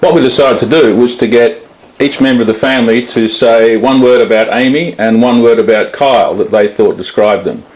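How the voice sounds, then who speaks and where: A man's voice: mid-range voice, a little fast, darkish tone, rough recording. A middle-aged man giving a father of the bride speech, recorded on video for the wedding. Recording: faint background noise on home video.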